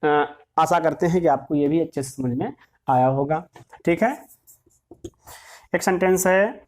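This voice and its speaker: Slow, low-voiced woman teaching grammar. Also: a little mellow. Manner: asks the class questions and answers them herself; dictates sentences word by word. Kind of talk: classroom grammar lesson.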